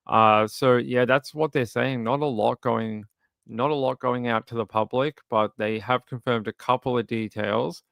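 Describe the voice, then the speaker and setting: A man's voice: mid-range voice, fairly even intonation, moderate pace, creaky, a bit bright, dry recording. An Australian man hosting a casual live commentary stream, talking in a dry, sarcastic and skeptical way as he responds to chat. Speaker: livestream host of a true crime channel.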